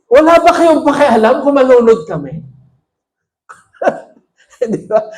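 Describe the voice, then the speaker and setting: A man's voice: very high voice, very animated, slow pace. A man with a Filipino accent preaching a sermon as pastor, mixing Tagalog and English and acting out quoted lines with a raised voice.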